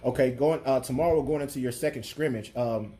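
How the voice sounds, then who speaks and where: Fast-talking male sports interviewer, mellow voice. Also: medium pitch.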